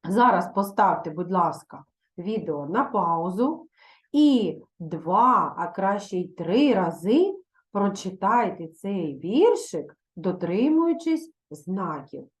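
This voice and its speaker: A woman's voice: mid-range voice, big pitch swings, takes it slowly. A woman teaching a recorded video lesson for young pupils, patient and instructive, reading verse expressively. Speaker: primary school teacher. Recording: echoey room.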